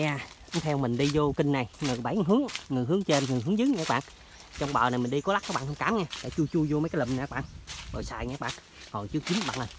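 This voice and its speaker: A chatty trapping vlogger from southern Vietnam talks fast in a mid-range voice, narrating a casual outdoor vlog among rural orchards and canal banks and constantly addressing viewers. The field recording is noisy.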